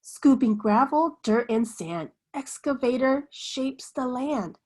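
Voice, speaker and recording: A woman reading a children's picture book aloud like a teacher, with an expressive, sing-song bedtime delivery. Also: high-pitched, takes it slowly.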